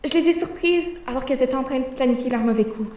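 A woman's voice: sits high, quick pace, mellow, lightly acted. A woman playing a pious, self-righteous teenage boarder who stammers and pleads, in an audio drama. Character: pious prim teenage boarding-school girl. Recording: roomy, distant mic.

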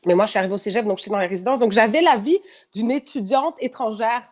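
Quick-paced and a little high, with a darkish tone, a woman in her thirties speaks with a Quebec French accent lightly colored by France-French. Talking openly as a casual interview guest, she laughs a lot and keeps repeating, restarting and filling pauses.

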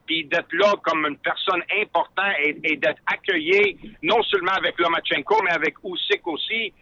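A man from Quebec with a Quebec French accent, speaking earnestly and haltingly in an interview, excited about his work. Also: on the high side, no room sound, dull audio. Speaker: boxing cutman and trainer. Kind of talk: interview by phone.

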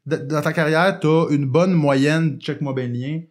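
A man's voice: on the high side, moderate pace. A man hosting a podcast, playful and laughing, winding through his points in casual chat. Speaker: podcast host.

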